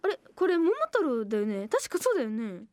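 A woman's voice: a little high, big pitch swings, fairly quick, dark tone, dry recording, clean studio sound. A woman playing a schoolgirl who reacts with quizzical, muttered asides while reading a strange book. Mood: puzzled. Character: puzzled schoolgirl reading in a library.

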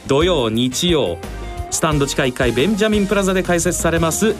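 A man's voice: a little high, fast, over music. A man co-hosting a radio horse racing show, presenting in very polite, formal Japanese.

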